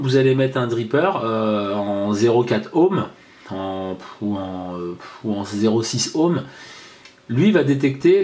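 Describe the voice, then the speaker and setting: A man's voice: mid-range voice, a little mellow. Chatty man demoing a gadget. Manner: chatty, halting, many fillers and restarts. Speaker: product reviewer. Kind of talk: casual hands-on product demo.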